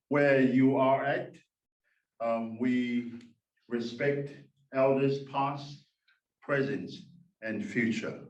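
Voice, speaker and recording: A man from Tonga, a minister, opens a conference workshop in a slow, measured way, pausing often as he speaks. His voice sits in the middle range and rings through an echoey room, picked up from some distance. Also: medium pitch, muffled recording. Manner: slow and measured, many "uh" pauses. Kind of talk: formal welcome and speaker introduction.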